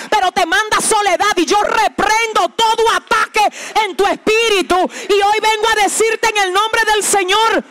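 A high-pitched woman pastor delivering a fervent sermon. She moves from shouted exhortations down to quiet, intimate lines and back again. She keeps calling on the congregation to repeat her words and to turn to their neighbors. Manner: fervent preaching, swings from shouting to hushed tones; leads the congregation with call-and-response commands.

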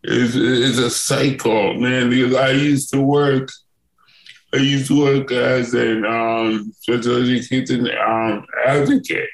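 A man's voice: mid-range voice, level tone, slow, roomy sound, poor audio. A man from Buffalo, New York, a guest on an interview podcast, talking emphatically and repeating words as he restarts. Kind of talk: conversational interview.

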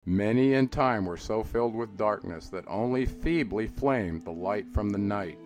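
A man with a very low, heavy voice solemnly reads an archaic mystical text as if casting an incantation. He intones slowly and declaims, rising on each call and sinking low at the end of every line, while soft guitar plays faintly beneath him.

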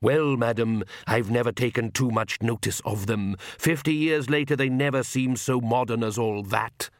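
A man's voice: mid-range voice, dry recording, clean studio sound, lightly acted. A man doing an ancient courtly vampire. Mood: wistful. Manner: slow, refined and unhurried. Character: ancient courtly male vampire count, calm, wistful.

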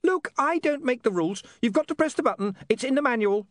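A man's voice: extremely high pitch, lively intonation, fast talker, dry recording, studio quality, pitched above the performer's own voice. A man voicing a tiny, pedantic green imp living inside a gadget box, rattling off fine print. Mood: fussy.

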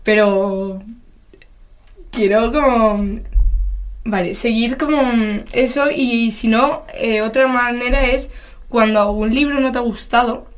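A woman's voice: on the high side, fairly even intonation, takes it slowly. Chatty young woman podcast co-host. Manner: chatty, laughs often, many fillers. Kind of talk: casual chat.

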